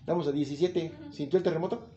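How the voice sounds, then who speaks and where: High-voiced Mexican preacher in an echoey room. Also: male voice, fairly even intonation, quick pace, dark tone. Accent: Mexican Spanish. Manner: chatty, jokes, asks the listeners questions. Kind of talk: informal Bible teaching to a congregation. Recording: echoey room, slightly dull sound.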